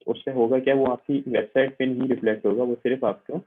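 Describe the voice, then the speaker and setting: A man's voice: mid-range voice, fairly even intonation, fast. A man teaching a computing lab online, explaining step by step as he demonstrates on screen and checking in often with his students. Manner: patient, repetitive explaining with frequent check-ins. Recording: tinny, phone-like narrow sound.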